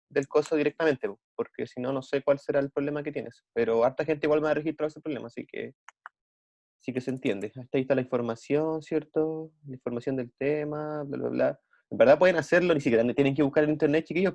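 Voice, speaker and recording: A man's voice: mid-range voice, darkish tone, no echo. A young man with a Chilean Spanish accent teaching an online class, explaining step by step and checking with students as he goes. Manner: hesitant, many fillers and restarts. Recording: dry, dull lo-fi audio.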